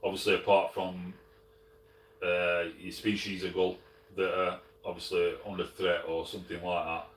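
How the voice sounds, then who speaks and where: A middle-aged man with a Sheffield Yorkshire accent, casually answering live chat as host, relaxed and full of fillers and restarts. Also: low voice, normal speed, recorded from a distance, slight background noise. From Sheffield, England. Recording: roomy, from off the mic.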